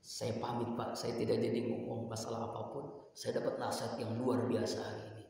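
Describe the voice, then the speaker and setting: A man voicing a wealthy man, humbled and pleading softly, as part of a sermon story. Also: mid-range voice, monotone, a little fast, creaky, a little hiss or hum. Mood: earnest. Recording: echoey hall from far off.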